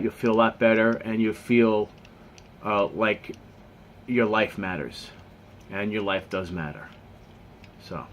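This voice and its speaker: Vlogger, male, low-pitched, earnest and halting, sinks to a soft mutter on heartfelt lines; faint room hiss. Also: lo-fi sound. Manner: earnest, halting, with many restarts; voice drops low and quiet on sincere points. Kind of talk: casual talk to camera.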